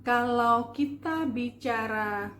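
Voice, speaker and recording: A woman teaching public speaking in a friendly, chatty spoken lesson, explaining slowly and deliberately. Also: a little high, fairly bright tone, roomy sound, a little hiss or hum. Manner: slow, deliberate explaining with vocal demonstrations; casual, chatty Indonesian with fillers.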